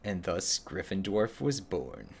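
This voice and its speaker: A man's voice: deep voice, very animated, takes it slowly, gravelly, darkish tone, a little hiss or hum. A man streaming a game, chatting casually about it and reading chat, rambling and self-mocking. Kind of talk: casual gameplay commentary.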